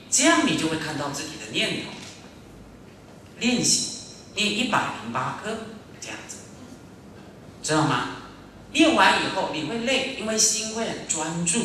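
Man, Buddhist monastic, Dharma lecture, demonstrative, big booming hall reverb, faint background noise. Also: far from the mic. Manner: lively and demonstrative, acting out examples. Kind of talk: Dharma lecture to a live audience. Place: large echoey lecture hall.

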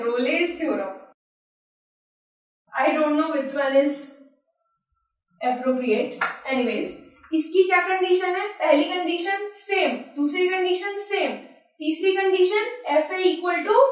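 A woman maths teacher, giving a chatty whiteboard lecture and talking to her students informally. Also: very high voice. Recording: echoey room, voice from far off.

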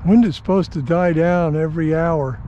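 An older man talks offhandedly in a slightly raised, mellow voice as he flies a model plane outside. His halting remarks are caught on a dull, lo-fi recording. Faint outdoor noise sits behind him. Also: a little high, steady tone. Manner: offhand, halting, self-deprecating. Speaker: RC hobby pilot. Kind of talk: casual commentary while flying. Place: outdoors on a windy day.

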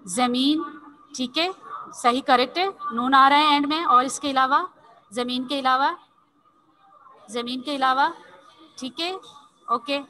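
A woman teacher with a high, very bright and crisp voice leads an online class over a video call. She spells words slowly letter by letter and keeps checking in with her pupils in a patient, coaxing way. A faint hiss sits under her voice. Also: poor audio. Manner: repeats "theek hai" constantly and spells words letter by letter slowly. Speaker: Urdu teacher.

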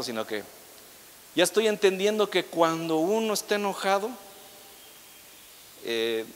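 A young pastor preaches in a church hall, chatty and joking, acting out the people he quotes with humorous asides. His voice is fairly high and fairly bright, with a big-room sound and slight background noise.

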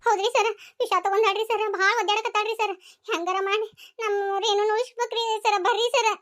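A woman's voice: very high voice, fairly even intonation, fast, a bit bright. A woman voicing a frantic young village woman in a cartoon, with a North Karnataka Kannada accent, urgently begging for help. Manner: urgent, pleading.

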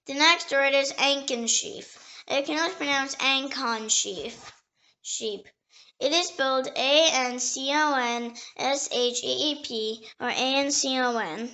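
A woman reading dictionary entries aloud slowly and carefully, spelling each word letter by letter and sometimes stumbling and restarting a word. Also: sits high, steady tone, sharp tone. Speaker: dictionary reader.

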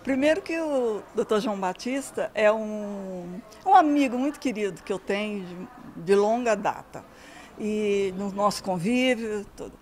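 A woman's voice: mid-range voice, lively intonation, unhurried, a little mellow, a little hiss or hum. An older woman interviewed indoors on a handheld mic, speaking with emotion. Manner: emotional, heartfelt. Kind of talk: on-camera interview. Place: indoor event hall. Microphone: handheld reporter mic.

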